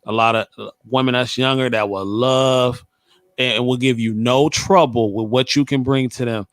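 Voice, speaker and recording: A man's voice: medium pitch, fairly even intonation, moderate pace, no echo. A man in his thirties hosting a casual panel chat, giving blunt, emphatic advice with easy laughs. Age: 30s. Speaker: podcast host.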